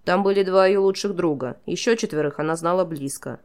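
Woman reading cold composed man, calm replies, audiobook. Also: fairly low pitch, brisk, close to an everyday voice. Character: calm, cold male traitor courtier.

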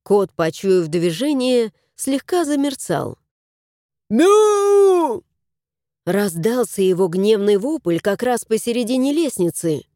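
A woman reading a storybook aloud in a slow, expressive way. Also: mid-range voice, no room sound, clean studio sound. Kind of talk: scripted storybook narration.

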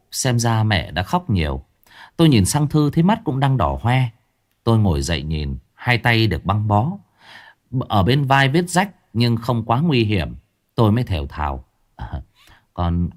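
A man narrating a ghost story aloud in a dramatic storytelling manner. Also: lowish voice.

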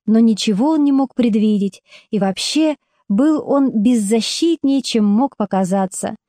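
A woman narrating a literary audiobook in a measured, expressive storytelling manner. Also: on the high side, no room sound, clean studio sound.

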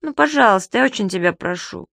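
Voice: medium pitch, lively intonation, quick pace, creaky, sharp tone, dry recording, studio quality, voice pushed up. A reader voicing a cheeky, gluttonous childlike male magic creature who talks in a chirpy, wheedling, pestering way. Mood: pleading.

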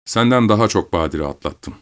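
A man's voice: on the low side, animated, fairly quick, lightly acted. A man doing a bitter, angry soldier father. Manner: angry, accusing.

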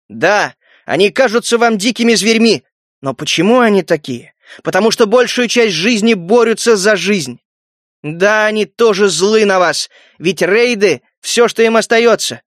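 A man's voice: sits high, fairly bright tone, no echo, clean studio sound. A man reading a persuasive warlord emperor.

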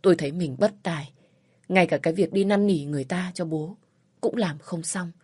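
A woman reading a first-person story aloud in a slow, sorrowful way. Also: on the low side, a little mellow, breathy edge, dry recording. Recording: dry close voice over faint music.

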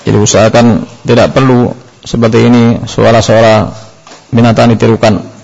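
Gravelly guy answering religious questions at a study class, says nah a lot, muffled lo-fi tape. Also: medium pitch, level tone, a little mellow. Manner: unhurried, with frequent "nah" fillers. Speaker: Islamic teacher answering questions. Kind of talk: religious Q&A lecture. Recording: dull lo-fi lecture recording.

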